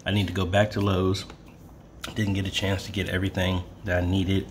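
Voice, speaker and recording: A man's voice: low voice, monotone, fairly quick. A man talking casually to his vlog, explaining things in an informal way. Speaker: vlogger who installs church streaming gear. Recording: roomy echo, faint background noise.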